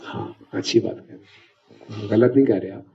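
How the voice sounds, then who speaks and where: A man preaches a devotional lecture at a brisk pace in a lowish voice with vocal fry, speaking conversationally and often checking the audience's understanding. The lecture recording sounds dull and lo-fi, with a little hiss or hum.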